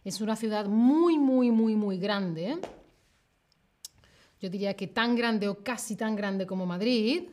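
Slow-speaking southern Spanish woman teacher. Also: medium pitch, a little mellow, slight background noise. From southern Spain. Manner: slow, clear, repeats clues, laughs often. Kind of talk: live online Spanish lesson.

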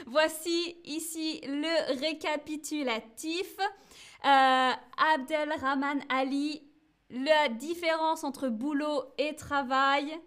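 A woman with a high voice teaches a French lesson on a live stream. She talks slowly and patiently, pausing to check that viewers follow and answering their chat messages as she goes. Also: fairly even intonation, fairly bright tone. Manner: slow, clear, patient teaching with frequent checks.

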